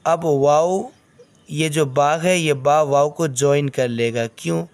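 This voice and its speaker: A man's voice: a little high, fairly even intonation, slow. A man teaching a beginners' recitation lesson. He explains step by step, asks his own questions and answers them, and drawls the long vowels as he recites. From South Asia.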